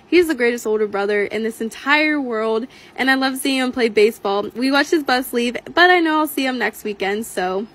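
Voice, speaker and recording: A woman's voice: a little high, normal speed, hardly any pauses, a bit bright. An eighteen-year-old woman narrating a vlog voice-over in a gushing, upbeat storytelling way. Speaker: vlogger.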